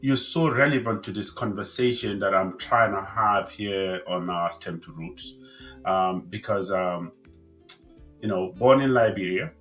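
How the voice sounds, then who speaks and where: A man hosting a casual interview podcast, friendly and halting, with many restarts and fillers. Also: low-pitched, fairly bright tone, faint music behind. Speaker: podcast host.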